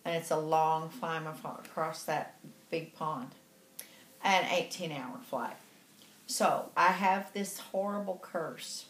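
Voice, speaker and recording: A woman's voice: low voice, slow pace, echoey room, a little hiss or hum. A woman with a Texan accent from the Panhandle, telling a personal anecdote with amusement and laughter. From Texas Panhandle. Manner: amused, laughing as she tells it. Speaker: storyteller.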